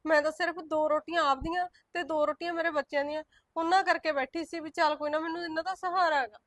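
A woman's voice: high-pitched, fairly even intonation, quick pace, no room sound, natural voice. An actress playing a meek widowed mother who pleads and swears she is innocent. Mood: pleading. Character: pleading widowed woman with small children, meek. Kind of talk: village short-film drama.

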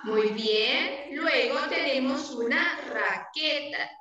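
A woman's voice: sits high, pushed and bright, recorded from a distance, highs cut off. Patient female teacher in an echoey room. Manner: slow, patient, drawn-out teaching with many check-ins. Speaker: preschool teacher. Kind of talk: online class lesson.

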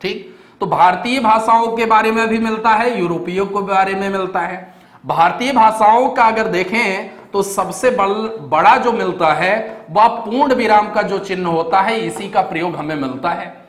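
A man's voice: high-pitched, unhurried, a bit bright. A young man teaching a grammar lesson for exam preparation, explaining step by step and often checking that his students follow. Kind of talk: exam-prep grammar lecture. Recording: echoey room.

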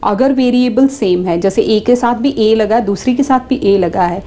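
A woman with an Indian accent teaching a maths lesson. She reads out each question slowly, then explains it in quick bursts, speaking straight to the students. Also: on the high side, warm tone, slight background noise. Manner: switches between Hindi and English, addresses students directly. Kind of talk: classroom lesson explaining exercises.

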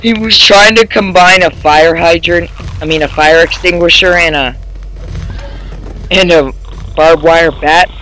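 A young man with a high, bright voice commentates a video game in a loose, excitable way. He jokes around and talks to his horse in the game as if it were a friend. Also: a little slow, long pauses, a little hiss or hum, rough recording. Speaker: gaming channel host. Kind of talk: casual let's play commentary.

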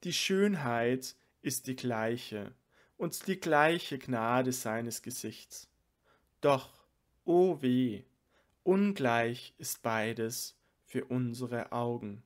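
An elderly-minded sage, devoted and tearful, speaks with reverent emotion, read aloud by a man. The delivery is slow and measured, as in an audiobook of a sacred play. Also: mid-range voice. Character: tearful devoted male sage, overcome with love.

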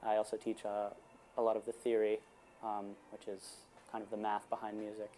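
Young man, flat low explaining voice. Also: brisk, slight background noise. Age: young adult. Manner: explanatory, with small hesitations. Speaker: music instructor. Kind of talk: interview. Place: indoor room lined with bookshelves.

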